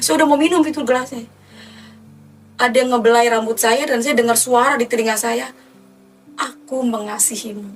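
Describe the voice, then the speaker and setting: A woman's voice: fairly high pitch, far from the mic. A woman giving an emotional personal testimony, animatedly retelling her story.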